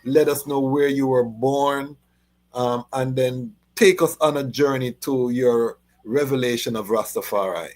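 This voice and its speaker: A man's voice: medium pitch, measured pace. Laid-back male podcast host. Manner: relaxed, uses Rasta phrasing. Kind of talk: interview.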